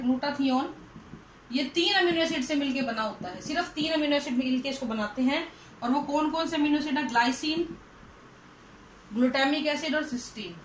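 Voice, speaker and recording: A high-pitched woman explains a science lesson step by step, fondly calling her students 'beta'. Her voice rings in an echoey room over a faint steady hum. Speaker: teacher. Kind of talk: whiteboard lecture.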